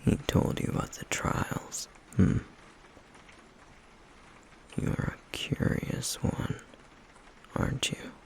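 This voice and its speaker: In an intimate ASMR roleplay, a man voices a flame demon who is stoic, guarded and wounded. His breathy, gravelly near-whisper moves slowly, brooding and wryly teasing, with a darkish tone close to his everyday voice. The mood is one of teasing menace.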